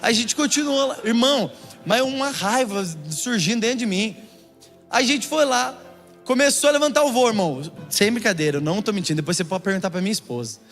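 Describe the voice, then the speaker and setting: A young pastor from Brazil with a high voice, preaching through a comic story in an animated way. His words ring out in a church hall with long reverb. Soft music plays underneath. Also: brisk. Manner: animated, keeps calling the listener brother. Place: church auditorium.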